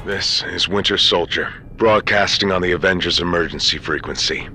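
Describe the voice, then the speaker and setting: An actor playing a wry, weary covert soldier making a matter-of-fact radio report in a video game. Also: male voice, low-pitched, moderate pace, over music, close to an everyday voice. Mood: dry, urgent. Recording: very noisy radio broadcast.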